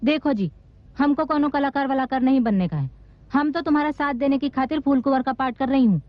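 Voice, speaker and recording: A woman plays a sharp-tongued young actress who answers back defensively. Her voice sits high, and the sound is dry and a little dull. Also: fairly quick, no echo, lightly acted. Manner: defensive, retorting.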